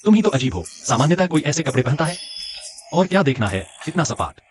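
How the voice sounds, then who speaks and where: A man's voice: fairly high pitch, sing-song, brisk, background noise. An actor playing a cocky, wisecracking young man in a dubbed drama. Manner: cocky and teasing. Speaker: brash hero.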